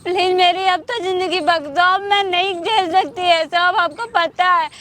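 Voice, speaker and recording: Woman doing a desperate young wife, pleading and protesting, very high voice, bright tone. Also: steady tone, measured pace, a little hiss or hum, full character voice. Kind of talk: short-film drama acting.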